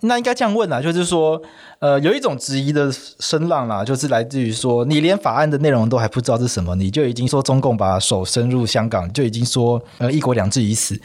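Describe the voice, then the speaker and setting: A male interview host talks quickly, his pitch moving in a lively way. He sets up questions in a conversational style.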